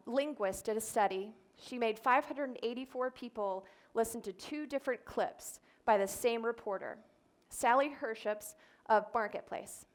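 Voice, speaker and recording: A woman, a speech therapist, giving an explanatory talk on stage and demonstrating voice sounds. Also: a little high. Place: event stage before an audience.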